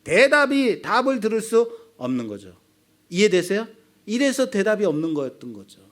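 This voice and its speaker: A man's voice: high voice, very animated, normal speed. A male pastor preaching a sermon, asking the congregation rhetorical questions.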